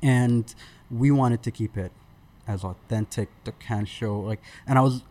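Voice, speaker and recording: A Sudan-born man in his thirties talks as a podcast guest. His voice sits at an ordinary pitch for a man, and he speaks in a loose, relaxed, chatty way, pausing on fillers and starting sentences over as he goes. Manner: relaxed, with frequent fillers and restarts. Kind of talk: conversational storytelling.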